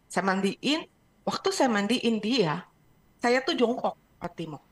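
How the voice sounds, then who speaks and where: A middle-aged woman, a parenting coach, telling a personal story on a radio talk show in a lively way, dropping English phrases. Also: medium pitch, takes it slowly, husky. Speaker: parenting and emotion coach, guest.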